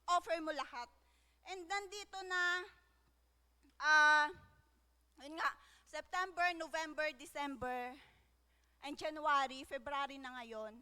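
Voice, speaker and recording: A young woman giving a personal church testimony, halting, with many fillers and tag questions. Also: high voice, steady tone, bright, forceful tone. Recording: long reverb of a large hall.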